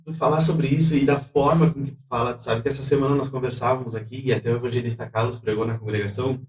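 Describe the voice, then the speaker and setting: A man hosting a podcast talks quickly and eagerly, affirming his guest as he goes. He sounds roomy and a bit off mic. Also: mid-range voice, fairly even intonation, recorded from a distance. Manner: enthusiastic, affirming interjections. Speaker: podcast host. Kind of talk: casual interview chat.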